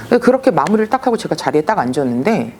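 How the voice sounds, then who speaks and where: A woman, a shaman, telling stories in a casual, animated way and acting out the voices she quotes. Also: low voice, racing, slight background noise. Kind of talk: casual storytelling.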